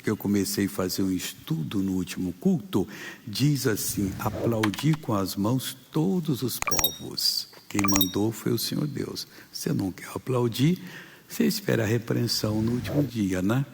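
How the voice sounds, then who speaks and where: A man with a Brazilian Portuguese accent preaching a sermon, emphatic and rising for his exhortations, with a gravelly voice. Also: on the low side, expressive, normal speed, a little mellow, slight background noise. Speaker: pastor. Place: church hall. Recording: long hall reverb.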